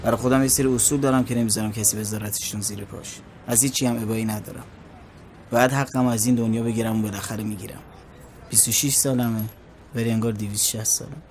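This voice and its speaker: A man's voice: lowish voice, fairly even intonation, background noise, natural voice. A man in his twenties playing a film's lead, narrating in voice-over as a young man struggling to keep his anger in check. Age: 20s. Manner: tense and clipped, grows agitated.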